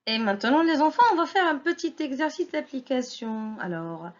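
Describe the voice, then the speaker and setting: A woman teacher giving a slow phonics lesson to young children, sounding out syllables and praising them. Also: high-pitched, expressive. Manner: slow, clearly syllabled, encouraging teacher talk. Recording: dull lo-fi recording.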